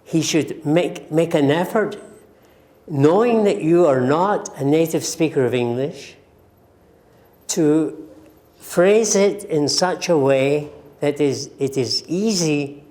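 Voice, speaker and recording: An older man from Scotland with a Scottish accent, giving a deliberate lecture on medical communication and acting out example phrases. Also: on the high side, dark tone.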